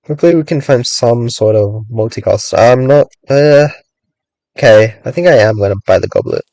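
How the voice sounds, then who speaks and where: A young gaming streamer gives casual gameplay commentary, rambling and thinking aloud with many "like"s, hedges, and half-finished thoughts. His mid-range voice is mellow and darker, a touch raspy from long talking, at a moderate pace. The recording is dry and close, with no room around it.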